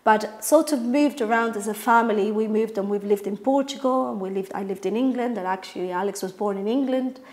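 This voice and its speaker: A middle-aged Colombian woman, a real estate agent who runs a family business, promotes her company to the camera from a living room sofa. Her mid-range, darkish voice moves a little fast with hardly any pauses as she explains the business.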